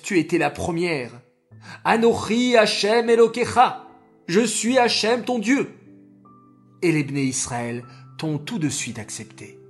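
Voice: mid-range voice, a bit bright. Brief: impassioned patriarch defending his people, children's audio story, put on by the narrator. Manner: impassioned, pleading.

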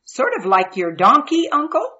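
A woman's voice: high voice, moderate pace, husky, voice pushed up, heavily acted. Woman doing an eager little boy. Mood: curious. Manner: excited, pleading, wide-eyed questions. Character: eager curious young boy. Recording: dull lo-fi recording.

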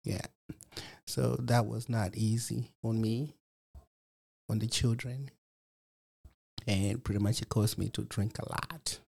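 A man's voice: lowish voice, fairly even intonation, slow pace, gravelly, long pauses, darkish tone, slightly rough. A man, telling his life story in an interview, reflective and full of fillers. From Malawi. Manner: reflective, many fillers like "you know". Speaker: program resident guest. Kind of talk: personal testimony interview.

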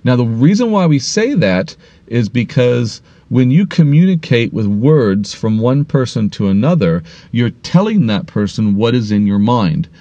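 A man's voice: mid-range voice, sing-song, a little slow, dark tone, dry recording, dull audio. A man teaching an online Bible course, explaining points and often restarting his phrases. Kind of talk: recorded online course lesson.

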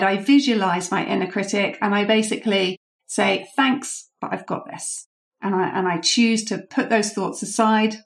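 A woman, a leadership coach answering interview questions in an explanatory way and sharing anecdotes. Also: medium pitch.

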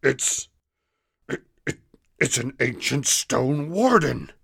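A man voicing a centuries-old male companion who speaks lively, polite and a little grand. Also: mid-range voice, unhurried, vocal fry, breathy edge, no echo, exaggerated voice. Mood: amazed. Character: very old man who looks young, cheerful and reassuring.

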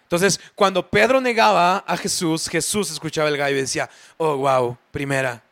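A man's voice: sits high, lively intonation, a little fast, gravelly, a bit bright. A man preaching a sermon, retelling a scripture story vividly with lots of repetition.

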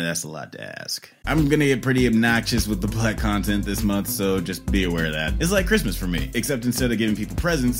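A man with a fairly low voice delivers opinionated video commentary over faint music. He is wry and sardonic, swears freely, and sounds like he is reading a script he wrote for a review.

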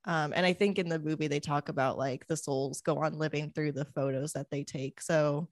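A young woman with a notably low voice chats casually about a movie she watched. She retells scenes eagerly, slipping into quick bits of dialogue and peppering her talk with likes. The sound is dry and close, with no room around her. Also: dry recording. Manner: animated retelling, acts out quotes, frequent likes. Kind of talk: casual chat about a film.

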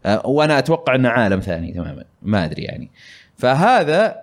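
A man's voice: mid-range voice, very animated, rapid-fire. A man hosting a casual gaming podcast, talking in a rambling way with many fillers. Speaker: podcast host.

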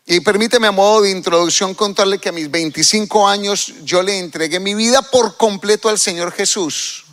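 A man's voice: high-pitched, moderate pace, a bit bright. A middle-aged male pastor from Colombia, preaching a sermon and reading scripture aloud with dramatic emphasis while asking his congregation questions. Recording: long hall reverb.

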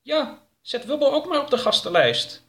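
Man playing a wide-eyed naive youth for a storybook, high and lively. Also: moderate pace, exaggerated voice. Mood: innocent. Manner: innocent, eager questions. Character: odd, naive young man, cheerful and literal.

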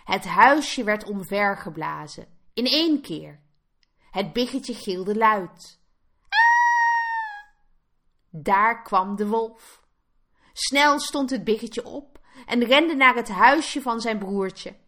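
Woman teacher, storybook narrator for learners; slow, clear, animated, bright tone. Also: medium pitch. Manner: clear, expressive read-aloud. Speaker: Dutch teacher.

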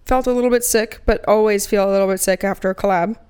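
A young woman co-hosting a podcast, chatting casually and telling animated stories with plenty of swearing. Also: mid-range voice, fast talker, clear, resonant tone. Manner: swears freely, animated storytelling. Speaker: podcast co-host. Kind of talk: casual chat.

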